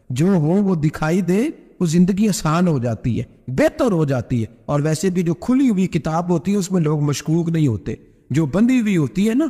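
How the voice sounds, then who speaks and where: A man preaching a sermon, telling a story and acting out its dialogue with strong pitch swings. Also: long reverb tail. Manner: impassioned, acts out dialogue with sharp pitch swings. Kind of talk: Urdu religious sermon with storytelling.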